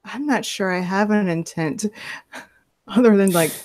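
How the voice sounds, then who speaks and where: A woman's voice: mid-range voice, measured pace, darkish tone. A woman playing a tabletop game, talking casually and hesitantly with many fillers and some laughter. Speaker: player.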